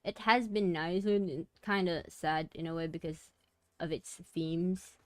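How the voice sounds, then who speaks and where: Streaming to her viewers, a young woman talks things through aloud in a soft, meandering casual chat. Her smooth, clear voice sits slightly low for a woman, and she speaks unhurriedly with fairly even intonation; the sound is close and dry, without echo.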